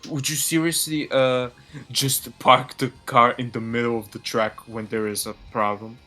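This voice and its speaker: A man's voice: mid-range voice, level tone, moderate pace, bright, forceful tone, faint music behind. A man hosting a game live stream in casual chat, rambling with a slurred-sounding delivery while hiccuping.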